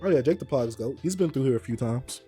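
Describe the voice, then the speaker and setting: A man hosting a live stream, chatting casually, animated and argumentative, often repeating himself. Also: mid-range voice, fast talker, soft background music. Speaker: streamer host.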